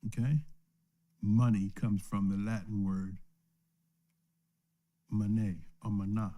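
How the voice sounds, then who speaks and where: Streaming live from home or a small study, this elderly man teaches Scripture informally in a slow, warm, level voice pitched on the low side. He keeps asking "right?" after his points and laughs softly throughout.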